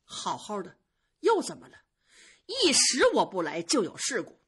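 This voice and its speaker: A woman's voice: medium pitch, huge pitch swings, normal speed, a bit bright, husky, exaggerated voice. A woman storyteller voicing a senior maidservant who soothes and coaxes, holding her temper as a peacemaker. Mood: coaxing. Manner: coaxing, soothing, then reproachful. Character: senior maidservant, gentle but proud, peacemaker. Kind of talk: traditional storytelling.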